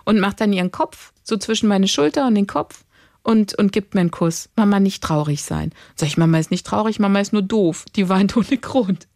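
A woman's voice: mid-range voice, moderate pace, no room sound. Chatty mother telling stories, dry sound. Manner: animated, acts out quotes of her children. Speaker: podcast co-host, mother. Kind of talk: casual chat, storytelling.

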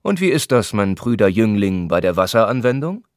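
A man doing a gruff, scolding spa doctor. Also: lowish voice, big pitch swings, moderate pace, no echo, studio quality. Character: brusque, impatient older male spa doctor.

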